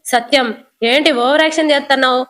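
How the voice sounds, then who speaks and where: A doting, fussy middle-aged mother-in-law, as a woman puts her on in a storytelling recap. She coaxes and scolds in a high voice, pressing everyone to eat her cooking. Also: fairly even intonation, fairly quick, a bit bright. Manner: coaxing, scolding.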